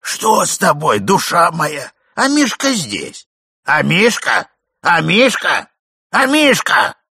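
A man's voice: on the high side, slow, gravelly, husky, no echo, studio quality, voice pushed up, exaggerated voice. A man doing a flustered old husband. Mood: alarmed shouting. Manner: excited shouting.

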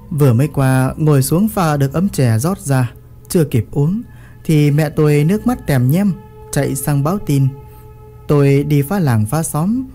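A man spins a village story with earthy, vivid detail. His voice is mellow and slightly high, and faint music plays beneath the narration.

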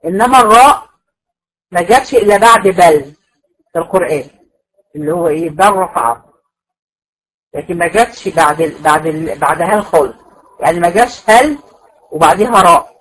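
A woman's voice: fairly low pitch, animated, a little fast, pauses often, a bit bright, slightly rough, poor audio. Patient Egyptian woman teaching recitation. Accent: Egyptian Arabic. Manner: patient, repeats points and checks understanding. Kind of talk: classroom lecture.

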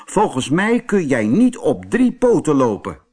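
A man's voice: a little high, huge pitch swings, measured pace, a little mellow, breathy edge, pitched above the performer's own voice, full character voice. A man voicing a boastful, lazy, dim-witted male bull in a storybook, with a blustering manner. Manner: bragging, blustering, stammers when stuck.

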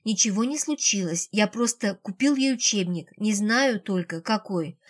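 A woman reading an audiobook, voicing a frantic male doctor who shouts curt orders. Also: mid-range voice, normal speed, natural voice. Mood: strained calm. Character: frantic male doctor, tense and short-tempered.

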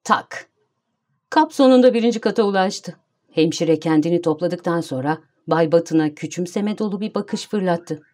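A woman narrating an audiobook in a measured, storytelling manner. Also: fairly low pitch, a little mellow. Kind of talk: scripted narration.

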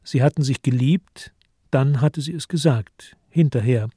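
A male narrator reading a radio drama in a measured, calm storytelling manner. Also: medium pitch, breathy edge, no room sound, studio quality. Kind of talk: scripted narration.

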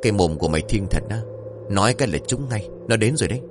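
A man voicing a loud, excitable young male apprentice who shouts urgent commands, with faint music behind. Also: lowish voice, racing, noisy background, lightly acted. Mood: teasing.

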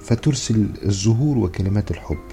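A man voicing a resentful wife who complains about her husband, quoted in an even reading voice. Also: on the low side, a little fast, soft background music. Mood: bitter. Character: resentful, weepy married woman.

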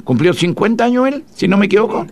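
A man's voice: high voice, very animated, fast. An older man, hosting a radio show in a chatty, reminiscing way from a studio. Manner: chatty, reminiscing, laughs at own jokes. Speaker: radio host. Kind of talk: casual radio chat.

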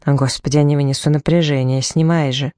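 A woman's voice: deep voice, steady tone, fast, a little mellow, no echo, lightly acted. Drunken lecherous man, as a woman reader puts him on, panting, leering, audiobook, dry sound.

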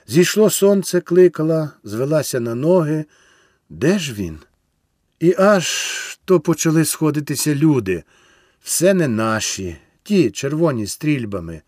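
A man reads a literary novel aloud in a measured way, with a very lively melody in his voice. He is recorded close to the mic in a dry, dead space. His pitch sits in the middle. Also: no echo. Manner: expressive, measured reading. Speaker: audiobook reader. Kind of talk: literary audiobook narration.

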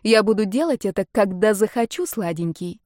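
A young heroine in love, bold and teasing, speaking soft and close, as a female narrator voices her. The sound is dry and intimate, with the reader's own even voice. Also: medium pitch, moderate pace, no room sound, lightly acted. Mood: tender.

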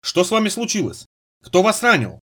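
A fiery young woman who scolds in loud, high, tearful outbursts, as a male reader puts her on. The voice is husky and swings widely in pitch, like a storybook heroine pushed to the edge. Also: wildly swooping pitch, normal speed, full character voice. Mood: worried.

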